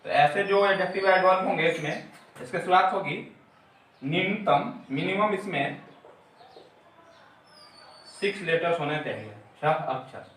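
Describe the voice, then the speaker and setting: A man's voice: high voice, lively intonation, measured pace, long pauses, fairly bright tone, a little hiss or hum. A man teacher explaining a grammar lesson step by step, repeating his key terms. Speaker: English teacher. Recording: very echoey room, mic far off.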